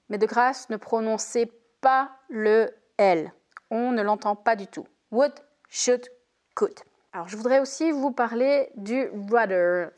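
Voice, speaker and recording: Slow, careful woman teacher. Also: fairly high pitch. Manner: slow, careful, repeats English example phrases clearly. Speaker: English teacher. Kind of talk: recorded language lesson.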